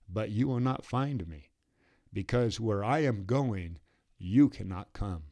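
A man reading the lines of a calm male teacher in a gentle, solemn way. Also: on the low side.

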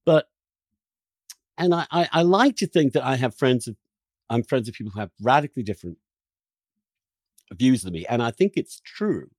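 Expressive man hosting a podcast, dry sound. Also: medium pitch, normal speed, long pauses, dry recording. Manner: reflective, hedging, repeats words. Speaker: podcast host. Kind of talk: conversational interview.

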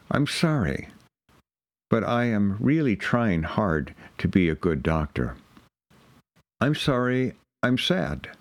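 A man's voice: fairly low pitch, exaggerated voice. A man giving a dramatic reading in the voice of a weary, burnt-out emergency doctor who apologizes over and over, in a heavy, repetitive litany.

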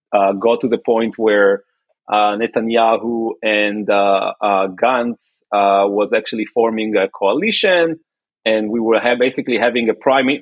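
A man from Israel, answering interview questions in a halting way, often restarting and searching for words. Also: lowish voice, no echo, narrow, tinny audio. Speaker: guest, entrepreneur and activist.

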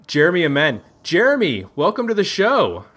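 A man with a high, fairly bright voice and a breathy edge hosts a casual round-table music podcast. He's from Buffalo in the United States, and he keeps things chatty and jokey, often correcting himself, while recording indoors at a neighbor's house.

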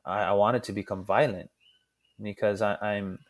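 Lowish voiced guy from hawaii on a podcast, chill and earnest, does little voices for quotes. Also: fairly even intonation, moderate pace. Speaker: podcast guest. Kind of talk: casual conversational storytelling.

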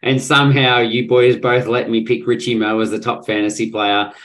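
A man trading casual podcast banter with his co-hosts. He talks in a cocky, playful, animated way at an ordinary mid pitch. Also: moderate pace. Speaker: podcast co-host.

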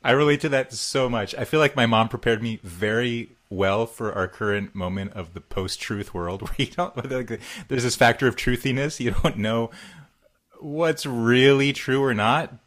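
A man, likely a podcast co-host, speaking in reflective casual conversation and lifting his pitch when stressing a point. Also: a bit bright. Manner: reflective, relating, rising pitch on emphasis. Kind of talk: casual chat.

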